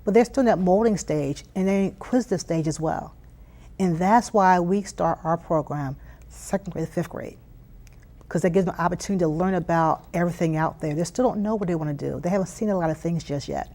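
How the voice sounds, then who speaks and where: Warm and fairly low-pitched, this American woman talks a little quickly as an interview guest. A youth STEM program leader from Philadelphia, she answers in an earnest, emphatic, conversational way, frequently repeating phrases to drive points home.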